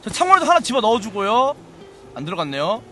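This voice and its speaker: A young man streaming a shooter game, commenting excitedly, exclaiming often and imitating gunfire sounds out loud. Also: sits high, quick pace, soft background music. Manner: playful, mimics gunfire sounds, frequent exclamations.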